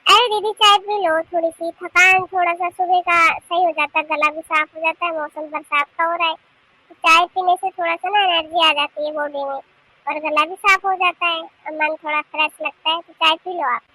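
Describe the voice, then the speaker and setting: A polite, eager younger daughter-in-law from a cartoon, talking on at length in a very high, bright voice. The recording is dry and close. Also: female voice, fairly even intonation, moderate pace, dry recording, rough recording.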